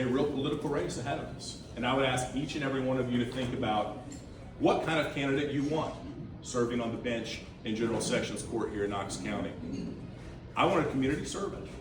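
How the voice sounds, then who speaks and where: Heard from afar through a room microphone, a campaign treasurer speaks earnestly to a crowd gathered in a large indoor space, hammering home key words by repeating them. His voice sits in the mid-range, the room echoes, and there's noise behind him.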